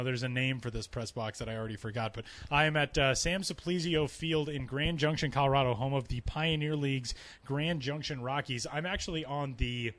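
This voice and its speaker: A man's voice: mid-range voice, pushed and bright. A man hosting a sports podcast in upbeat, chatty, informal style from a press box booth, with a slightly cave-like sound. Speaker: podcast host. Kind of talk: casual sports podcast chat.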